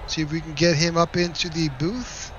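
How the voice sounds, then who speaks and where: A man calling a race broadcast in a high, bright and forceful voice. He keeps an upbeat announcer's tone and reads out the finishing order in a steady list. A faint hiss sits under his voice. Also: moderate pace, muffled recording. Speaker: play-by-play announcer.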